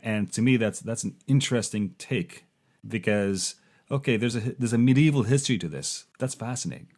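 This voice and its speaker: A man's voice: on the low side, animated, a little fast, a little mellow. A man hosting a podcast in casual chat, stuttering and restarting his sentences often. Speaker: podcast host.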